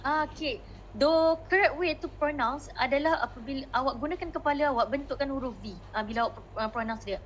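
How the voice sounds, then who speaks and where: A woman with a Malaysian Malay accent teaches a Mandarin class, coaxing students and modeling tones while mixing languages. Her high voice is fairly quick and a bit bright, though the recording is muffled with a little hiss or hum.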